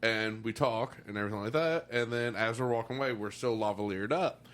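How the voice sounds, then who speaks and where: A man's voice: mid-range voice, fairly quick, fairly bright tone. A man telling casual anecdotes like a frat bro, with slang, swearing and acted-out quotes. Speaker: reality show contestant.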